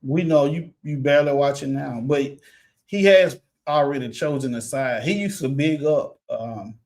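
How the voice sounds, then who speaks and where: A man's voice: medium pitch, normal speed, darkish tone. A man hosting a sports reaction show, talking loosely and casually with frequent fillers.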